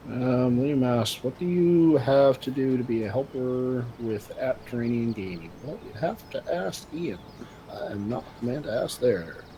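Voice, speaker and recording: A man's voice: mid-range voice, animated, mellow, slight background noise. A man answering viewer questions on a game stream, hesitant and full of ums. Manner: slow, hesitant, many ums. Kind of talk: casual stream chat.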